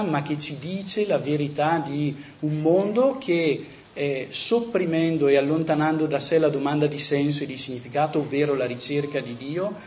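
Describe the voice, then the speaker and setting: A man giving an earnest, reflective talk to a church audience, often restarting phrases and adding little tag questions. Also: on the high side. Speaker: speaker at a church gathering.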